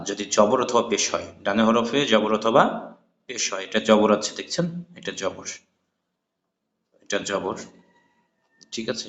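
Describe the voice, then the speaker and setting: A man teaching a Quran recitation class, patiently spelling out letters and vowel marks, then chanting the words slowly. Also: fairly low pitch. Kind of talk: spoken lesson with chanted examples. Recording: echoey, dull lo-fi room recording.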